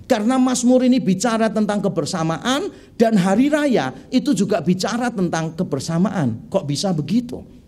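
A middle-aged man preaching a sermon in a conversational, animated way, telling humorous stories. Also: high-pitched, moderate pace. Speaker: pastor.

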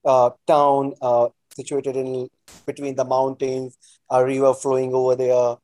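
A man's voice: mid-range voice, monotone, unhurried, darkish tone, no echo, low-quality recording. A man from New Delhi with a North Indian accent, a native Hindi speaker, talking casually and hesitantly as an interview guest, often repeating himself. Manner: hesitant, repetitive phrasing with frequent "like".

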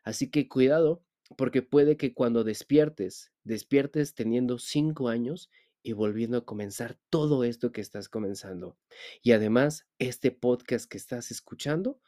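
A man's voice: mid-range voice, mellow. A man hosting a spiritual podcast, talking directly to the listener and asking rhetorical questions. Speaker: podcast host.

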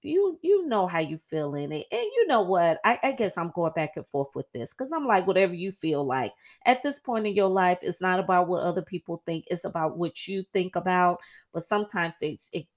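A middle-aged woman hosting a podcast, talking casually on her own in a chatty, animated way that leaps up in pitch for quoted asides. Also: fairly quick. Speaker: podcast host. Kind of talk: casual solo podcast monologue.

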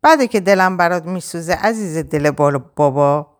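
A woman's voice: fairly low pitch, close to an everyday voice. Woman reading as a cheeky teasing young man. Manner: playful, mocking, raised voice.

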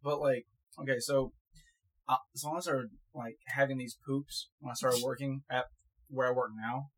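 A young man with a stutter, chatting casually as a podcast co-host, talking in halting bursts with many restarts. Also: mid-range voice, flat delivery, a bit bright, low-quality recording. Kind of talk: casual chat. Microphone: one shared mic.

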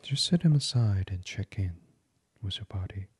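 Male meditation guide, very low, mellow and unhurried, close and dry. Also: lively intonation, husky, dry recording. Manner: slow, soft and soothing, drifting into whispers.

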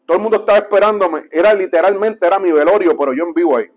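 A young adult man, a preacher telling his testimony as a lively storyteller who acts out the dialogue. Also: racing. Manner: animated storyteller, acts out dialogue and drops low for quotes.

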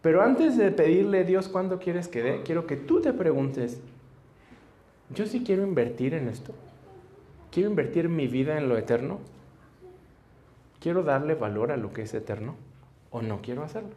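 A man with a fairly high, expressive, mellow voice preaches a conversational sermon to a congregation at a church service, speaking at normal speed with long pauses. He tells stories, acts out dialogue, and chuckles often.

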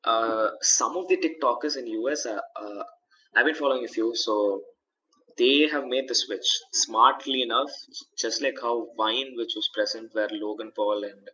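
Bright-voiced young man chatting tech. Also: medium pitch, moderate pace, a little hiss or hum, rough recording. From India. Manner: rambling, filler-heavy. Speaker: podcast co-host. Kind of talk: casual tech chat.

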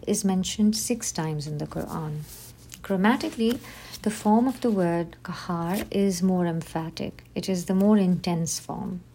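Low gravelly woman giving a religious lesson. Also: dark tone. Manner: measured, reads definitions as slow lists. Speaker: podcast host teaching on Islam. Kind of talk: scripted religious teaching.

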